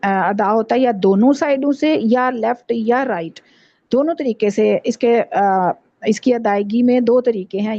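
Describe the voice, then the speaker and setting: Soft-toned woman teaching online, dull audio. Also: fairly high pitch, dry recording. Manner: patient, explains step by step and repeats sounds slowly to demonstrate. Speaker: Quran recitation teacher. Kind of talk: online class instruction. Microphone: video call.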